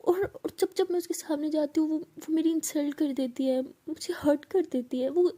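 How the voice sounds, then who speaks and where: A woman voicing a lovesick young college woman who pleads through tears, halting and repeating words. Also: high voice, steady tone, warm tone, natural voice. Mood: distressed, crying.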